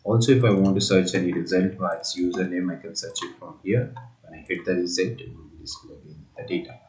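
A man's voice: low-pitched, fairly even intonation, fairly quick, a little mellow, reverberant, low-quality recording. A man narrating a screen-recorded coding walkthrough, explaining steps with frequent fillers and restarts. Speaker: software tutorial presenter.

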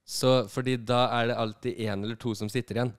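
Podcast guy, smooth clear voice, jokey banter. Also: medium pitch, steady tone, no room sound, studio quality. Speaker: podcast co-host. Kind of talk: casual chat.

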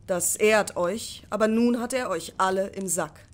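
A woman voicing a grave, sober male journeyman in an audiobook, speaking in a measured way. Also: medium pitch, lightly acted.

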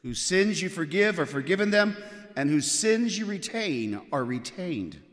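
Priest, man, lively high voice, Gospel reading, cathedral echo. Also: unhurried. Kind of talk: proclaiming the Gospel at Mass. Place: large church. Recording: long echoing church reverb.

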